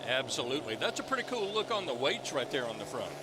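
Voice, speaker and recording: A man's voice: mid-range voice, sing-song, fast, very noisy. A man hosting televised tractor pull coverage as an announcer, introducing pullers in a broadcast commentary style. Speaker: host and play-by-play announcer.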